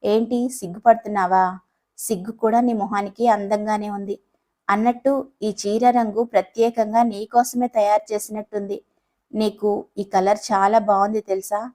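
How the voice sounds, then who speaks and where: A woman's voice: medium pitch, fairly even intonation, normal speed, dark tone, natural voice. A woman voicing a playful, teasing young husband in a romantic audio story, speaking affectionately.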